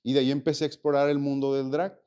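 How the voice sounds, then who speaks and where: A man in his forties from Mexico talks through an interview at an even middle pitch. He is reflective and loose, full of fillers and restarts as he gathers his thoughts. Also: quick pace, clear, resonant tone, lo-fi sound. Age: 40s. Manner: reflective, with many fillers and repeated words. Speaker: interview guest, actor and stage producer. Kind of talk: casual interview conversation.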